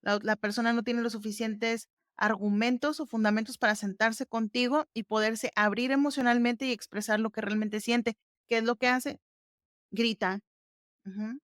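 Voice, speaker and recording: Explaining exercises one step at a time, this podcast host keeps things conversational and warm, dropping fillers such as "ujú." Her fairly high voice has fairly even intonation and a moderate pace, and the sound is clean studio audio with no room sound.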